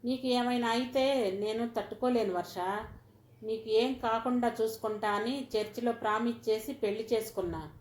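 A woman voicing a caring young husband who coaxes and insists gently. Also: fairly high pitch, steady tone, normal speed, lightly acted. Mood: coaxing. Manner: coaxing, insistent. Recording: roomy echoey recording.

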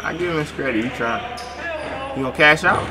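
A man's voice: a little high, brisk, music in the background. A man hosting a reaction video, giving casual slang-filled commentary over basketball footage. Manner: laid-back slangy chatter with laughs.

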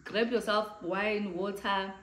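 In an echoey living room, seated before the sofa, a big-voiced South African vlogger in her late thirties chats casually to camera at a slow pace and medium pitch. She's talkative, gestures a lot with her hands, and mixes Xhosa phrases into her speech.

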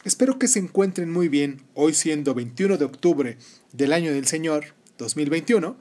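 A man with a slightly high-pitched voice hosts a history podcast. He reads narration and speaks informally to his listeners. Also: lively intonation, normal speed, darkish tone. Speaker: podcast host. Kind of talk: history podcast, partly read narration with casual asides.

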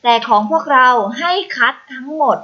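Thai-accented woman, primary Chinese teacher, bright higher voice, patient and repetitive, lo-fi recording. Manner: patient, repeats words slowly for pupils to copy. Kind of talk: recorded online lesson. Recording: slightly dull lo-fi recording.

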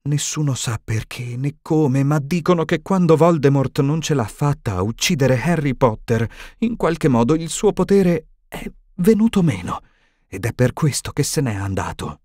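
A man's voice: big pitch swings, a little slow, dry recording, clean studio sound. Man voicing McGonagall, a shaken stern old professor. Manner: higher, shaken and indignant. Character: stern elderly female professor, anxious, tremulous.

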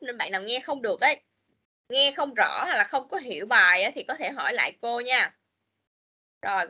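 Casting: woman, children's teacher on a video call, bright, slightly high voice, chatty. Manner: chatty, repeats "rồi", mixes English words into Vietnamese. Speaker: English teacher. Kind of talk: online class teaching children.

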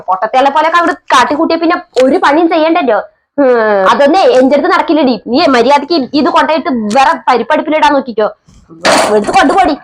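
Woman acting as a mother-in-law, middle-aged, high voice, nagging, scolding. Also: a little hiss or hum, natural voice. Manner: nagging, shrill, scolds and insults. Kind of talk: family skit acting.

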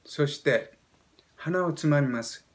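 A Japanese man in his seventies teaching pronunciation, explaining step by step and demonstrating sounds with animated emphasis. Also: on the high side, takes it slowly. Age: 70s. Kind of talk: explaining lesson.

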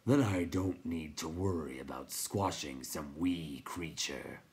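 A man reading aloud, putting on a slow, low, grating voice for a giant made of stone. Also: darkish tone, full character voice. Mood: gruff.

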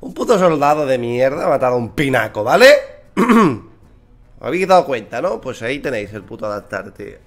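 A man's voice: medium pitch, sing-song, a little fast. A tired young man from Spain with a Spanish accent, casually commenting on his card game, chatty, swearing and teasing his opponent. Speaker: streamer. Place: small room indoors.

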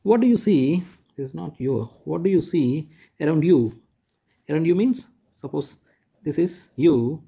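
This is a man, walking young pupils through a textbook lesson. His voice is fairly high but mellow and a little husky. He repeats each point, rephrases it, and points things out as he goes. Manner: points and demonstrates with "like this". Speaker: teacher. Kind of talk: explaining a school textbook lesson.

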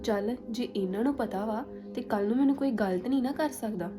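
A meek young niece, played by a young woman, answers in soft, brief, agreeable words. Her voice is slightly high. Loud music plays over her lines. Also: brisk, lightly acted. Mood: pleased. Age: young adult. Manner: soft, short compliant replies. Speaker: niece hoping to marry.

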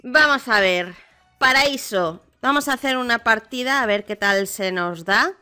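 A young Spanish woman with a bright, sharp voice pitched a little high runs through patch notes and then reacts to her own match. She talks in a chatty, excitable way, piling up quick fillers. Light music plays underneath. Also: clean tone. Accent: Spain Spanish. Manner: chatty, excitable, many repeated fillers like vale. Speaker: gaming streamer. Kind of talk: patch notes review and live gameplay commentary.

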